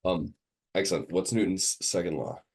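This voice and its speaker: A man's voice: deep voice, normal speed, darkish tone, breathy edge. A sick, sniffly man tutoring a student one on one, hesitant with many ums as he quizzes them.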